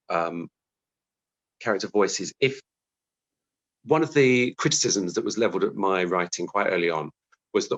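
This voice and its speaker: A television scriptwriter sits as a guest in a casual interview, sounding thoughtful and hesitant and often restarting his sentences. His voice sits low but has a fairly bright tone.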